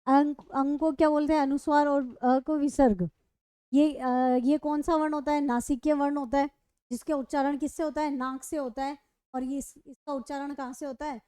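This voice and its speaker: A woman with a high, mellow voice teaches an online grammar class. She puts a question to her students and answers it herself, checking in with a steady "okay". The recording is dry and close. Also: moderate pace, no room sound. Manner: asks questions and answers them herself, repeats "ठीक है". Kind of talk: online Hindi grammar lesson.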